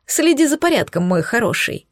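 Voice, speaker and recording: A sharp-tongued young witch duchess in a storybook reading, played by a woman. She is sarcastic and blunt, teasing with an edge. The sound is dry and close. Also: on the high side, big pitch swings, normal speed, no echo, voice pushed up.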